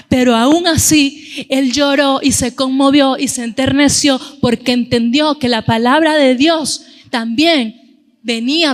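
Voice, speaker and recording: A middle-aged woman preaching a sermon in a church, telling stories in a lively way and acting out the voices of the people in them. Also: high-pitched, in a large hall. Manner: animated storytelling, acting out quoted voices.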